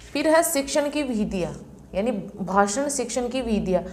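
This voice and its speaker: A woman's voice: on the high side, animated. Confident woman teaching exam tricks. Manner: confident, repeats key terms slowly for memorising. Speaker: Sanskrit teacher. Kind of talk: exam-prep lecture.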